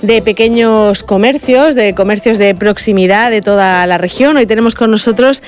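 A woman's voice: medium pitch, normal speed, soft background music. A woman hosting a radio interview, asking guests short, friendly questions. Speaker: radio host. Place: radio studio.

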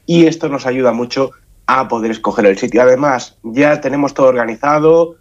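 A muffled, dull recording carries a man with a Spanish accent from Spain. His voice is nasal and congested with a head cold, at an ordinary male pitch. He explains in a conversational interview manner, doubling back on words. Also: fairly quick. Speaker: science outreach association spokesman, radio guest. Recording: muffled, dull band-limited sound.

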